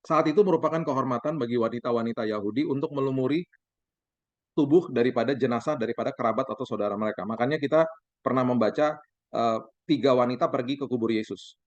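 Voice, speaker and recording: A man in his forties, a pastor, preaching a sermon as lively stories, acting out the dialogue for the congregation. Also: mid-range voice, fast, dry recording. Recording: dull, dry sound.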